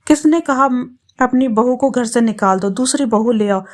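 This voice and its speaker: Lady doing a bossy older mother-in-law, scolds a lot, kinda high voice. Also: normal speed, darkish tone, lightly acted. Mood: furious. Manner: scolding, fierce.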